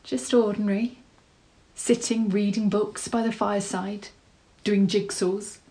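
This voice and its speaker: In a rough recording, an actress with a mellow, mid-range, natural voice speaks unhurriedly with little change in pitch. Her dramatic monologue portrays a nervous woman proposing marriage, tender and hopeful, earnest but hesitant, rambling and putting herself down.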